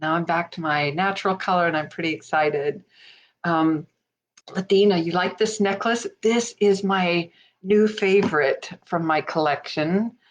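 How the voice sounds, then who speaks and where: A woman's voice: lowish voice, unhurried. A woman hosting a casual live stream from her home desk, greeting viewers by name with lots of fillers. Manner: chatty, warm greetings, many fillers.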